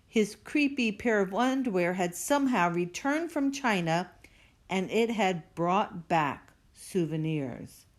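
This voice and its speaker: A woman reads a children's story aloud at an unhurried pace. Her mid-range voice is expressive and theatrical, and she leans on the spooky words, drawing them out for effect. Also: mid-range voice. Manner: dramatic, drawn-out emphasis on spooky words. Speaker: storybook reader.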